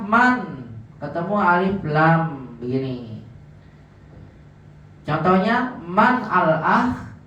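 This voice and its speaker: Male grammar teacher, slightly high voice, slow drawn-out examples, quizzes the class, far from the mic. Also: fairly bright tone, slight background noise. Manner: asks the class questions and answers them himself. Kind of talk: classroom lesson. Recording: echoey, dull, from far off.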